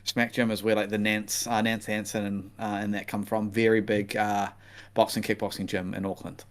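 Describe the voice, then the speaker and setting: A man's voice: fairly low pitch, level tone, moderate pace. A man with a broad New Zealand accent chatting casually as a podcast co-host previewing fights, laid-back and slangy.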